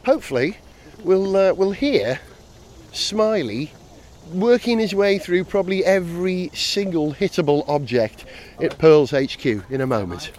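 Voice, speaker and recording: A man hosting a podcast, chatting in a lively, jokey way while walking around a large drum warehouse. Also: high voice, a little slow. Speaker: podcast host. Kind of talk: casual on-location chat.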